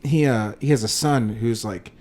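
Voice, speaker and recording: A man's voice: medium pitch, moderate pace, a little mellow. A young man co-hosting a casual podcast, rambling about a film with lots of swearing and restarts. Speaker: podcast co-host. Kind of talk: casual film chat among friends.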